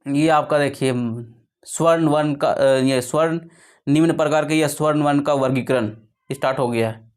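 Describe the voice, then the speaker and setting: A man with a fairly high, clean voice and fairly even intonation teaches a lesson with his voice slightly raised. He explains slowly, going over each point repeatedly, stopping to correct himself, and posing questions that he then answers himself.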